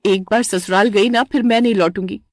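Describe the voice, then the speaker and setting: A woman voicing a young new bride in an animated story, dramatic, tired and full of sarcastic complaints. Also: medium pitch, no room sound, natural voice. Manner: exaggerated, complaining, quick sarcastic jokes.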